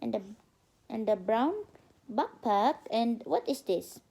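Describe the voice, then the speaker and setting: Slow and mellow, this slightly high female voice has lively intonation and some vocal fry. She's a mother reading a bedtime story to her toddler, recorded on a phone camera, and she prompts the child instructively as they go.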